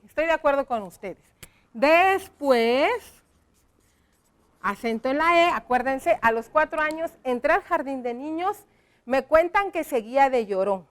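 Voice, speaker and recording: A woman's voice: high voice, fairly bright tone. A woman teaching a televised primary lesson, patiently asking the children questions and praising their answers.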